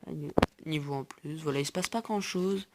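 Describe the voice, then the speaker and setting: Gravelly woman chatting through gameplay. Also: low-pitched, normal speed, very noisy. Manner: chatty, explains to viewers, many fillers. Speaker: gaming video host. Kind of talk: casual gameplay commentary.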